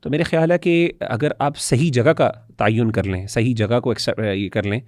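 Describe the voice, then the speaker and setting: A man's voice: medium pitch, moderate pace, darkish tone, dry recording, clean studio sound. A man in a casual podcast discussion, talking earnestly and with animation, often using devout religious phrases.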